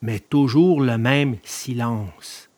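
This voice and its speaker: A storyteller reading a children's tale aloud with expressive, deliberate delivery. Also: medium pitch, background noise. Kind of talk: storybook narration.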